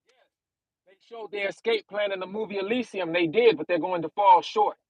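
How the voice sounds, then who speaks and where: Husky-voiced young man preaching outdoors. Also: high-pitched, a bit bright, dry recording, poor audio. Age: young adult. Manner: reads verses aloud, then expounds and addresses listeners as y'all. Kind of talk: live-streamed scripture preaching.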